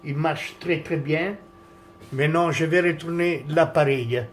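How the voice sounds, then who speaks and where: Here's a vlogger reviewing camera gear: a man whose first language is Italian, voice a little high and pace unhurried, with a slight hiss or hum in the audio. He walks through a camera monitor setup in a casual product tutorial, hesitant and full of fillers and restarts.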